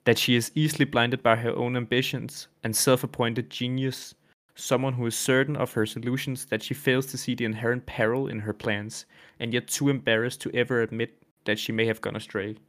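A male podcast co-host talks casually at a middle pitch. He reads story passages aloud in a steady voice, then breaks into loose chat with fillers and the occasional swear word. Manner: reads quotes flatly, chats with fillers and swearing. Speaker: podcast co-host reading game lore aloud. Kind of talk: casual chat and lore reading.

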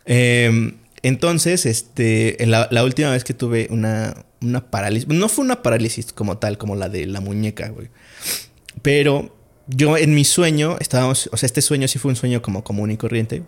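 Mexican guy on a podcast rambling through a story, super slangy, lots of o sea and fillers, mid-pitched voice. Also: animated, moderate pace. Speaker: podcast guest. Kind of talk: casual storytelling chat.

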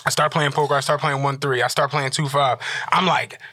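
A man's voice: medium pitch, steady tone, brisk, pushed and bright, no echo, studio quality. A man telling a long, profane story in casual podcast chat.

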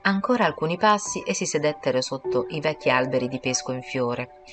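A woman narrating an audiobook in a measured, calm storytelling manner. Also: sits low. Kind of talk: scripted narration. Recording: clear background music.

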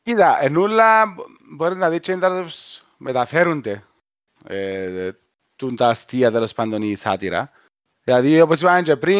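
A man with a Cypriot Greek accent, co-hosting a podcast in a measured, explanatory casual discussion. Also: a little high, a bit bright, smooth, no echo, dull audio. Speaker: podcast co-host.

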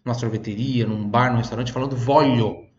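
Patient man teaching language. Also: mid-range voice. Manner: patient, repeats phrases slowly for learners to copy. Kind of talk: online language lesson. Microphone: desk microphone. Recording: roomy, slightly dull sound.

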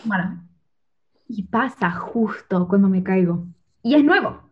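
A young woman telling a funny story among friends, animated and laughing as she goes. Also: medium pitch, a little slow. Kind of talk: casual chat. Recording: dull lo-fi sound with faint noise.

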